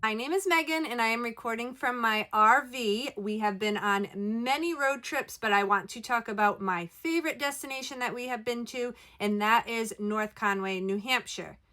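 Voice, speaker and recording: A woman with a fairly high voice shares travel tips in a casual vlog style. She is recording inside an RV, a small trailer-like space. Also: normal speed, hardly any pauses, sharp tone. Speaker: travel vlogger. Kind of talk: casual travel recommendation to camera. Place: inside a parked RV.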